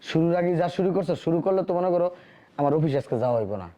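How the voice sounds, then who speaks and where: A weary young husband, as a woman puts him on in a comedy skit. He gives clipped replies very fast, in a dark, lowered voice over faint noise. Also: lively intonation, lo-fi sound, lightly acted. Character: weary young husband caught between wife and mother.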